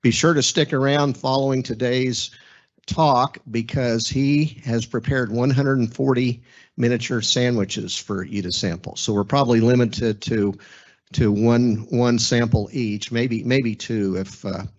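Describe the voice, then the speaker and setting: A man hosting an event, reading a speaker introduction with relaxed asides and fillers. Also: mid-range voice, a little slow, muffled recording. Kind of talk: introduction speech.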